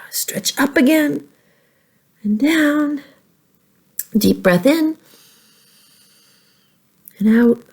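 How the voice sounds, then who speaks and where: A woman's voice: high voice, animated, very slow, gravelly, long pauses, a little mellow. A woman librarian leading a preschool storytime, singing nursery songs and coaxing small children in an exaggerated, sing-song way.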